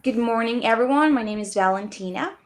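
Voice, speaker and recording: A young woman from Colombia introduces herself as a student panelist. She speaks deliberately, pausing between phrases. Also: fairly high pitch. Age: young adult.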